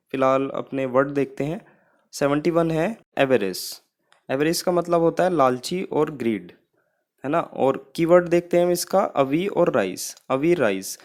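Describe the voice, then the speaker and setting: A man's voice: on the high side, a little mellow. Man teaching vocabulary. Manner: explanatory, repeats memory tricks. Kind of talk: vocabulary lesson.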